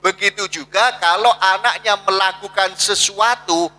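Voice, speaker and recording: A man's voice: high voice, unhurried, bright, forceful tone. A man from Indonesia, preaching a religious study sermon, telling stories and reciting Arabic phrases. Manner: storytelling, acts out dialogue, Arabic recitation. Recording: long hall reverb.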